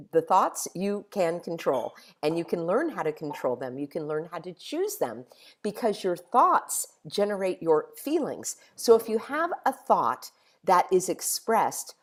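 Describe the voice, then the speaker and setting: A middle-aged woman hosts a motivational monologue, her hoarse voice on the low side. She strings together one emphatic rhetorical question after another.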